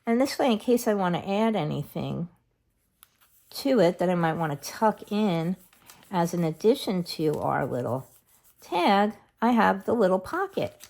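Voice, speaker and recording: A woman's voice: fairly low pitch, sing-song, unhurried, gravelly, a little mellow. A woman narrating a casual paper craft tutorial at her worktable, chatty and thinking aloud as she goes. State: has hiccups.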